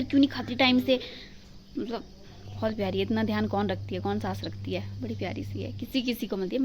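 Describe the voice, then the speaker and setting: A young woman from Himachal Pradesh chatting warmly to her viewers in a casual home vlog, recorded on a phone indoors. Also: mid-range voice, poor audio. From Himachal Pradesh, India. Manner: chatty and affectionate, talking to the viewers while doing chores. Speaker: vlogger.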